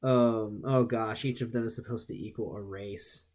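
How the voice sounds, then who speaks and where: A young man casually reading a web page aloud and reacting, rambling with restarts and sudden jumps in pitch. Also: fairly even intonation, normal speed, darkish tone.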